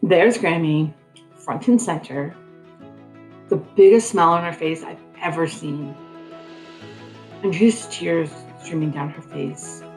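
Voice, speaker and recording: A woman in her twenties reading a scripted personal story slowly and earnestly. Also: deep voice, darkish tone, soft background music, poor audio.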